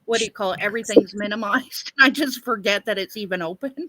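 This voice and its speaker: A woman's voice: mid-range voice, fast talker, background noise. A woman chatting casually on a live stream, telling stories with frequent laughs and fillers. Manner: chatty storyteller, laughs often, fills with "what do you call it". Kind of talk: casual chat.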